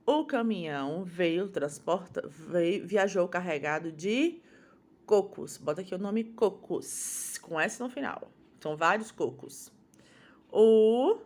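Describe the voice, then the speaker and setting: Slow, patient woman teaching phonics. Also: fairly low pitch. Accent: Brazilian Portuguese. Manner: patient, sounds out syllables one by one. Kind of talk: slow phonics lesson for young children.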